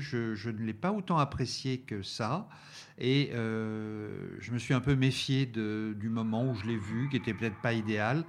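A man reviewing DVDs on a talk show, speaking with many hesitations, fillers and restarts. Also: medium pitch. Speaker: film reviewer presenting a DVD selection. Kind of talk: radio-style review chat.

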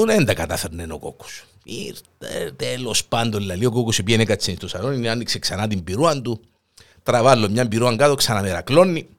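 A man with a Cypriot Greek accent telling a long joke, in a lively retelling full of quick asides. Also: lowish voice. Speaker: joke teller. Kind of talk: storytelling a joke.

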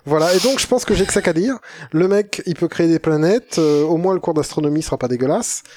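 A man's voice: fairly high pitch, fast, darkish tone, slight background noise. A young man co-hosting a casual podcast chat, rambling and playful with mock-philosophical asides. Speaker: podcast co-host.

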